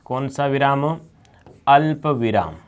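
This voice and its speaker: A man teaching an exam-prep class, dictating phrases slowly while writing on a board and repeating them, then answering his own questions. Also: medium pitch, clear, resonant tone.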